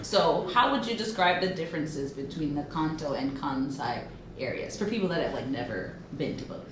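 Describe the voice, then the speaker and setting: A woman's voice: low voice, animated, moderate pace, background noise. A woman hosting a casual interview, playful and teasing, with a giggly way of talking. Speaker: host. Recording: echoey room with loud crowd behind.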